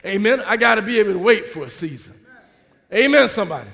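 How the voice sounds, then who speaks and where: A man preaching with a high, gravelly, bright-edged voice, calling out for the congregation to answer him back. He drops to soft asides and then builds to shouts. The sound rings with a long reverb, as in a church sanctuary. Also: very animated, fast. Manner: call-and-response preaching, swings from quiet asides to shouting. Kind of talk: sermon.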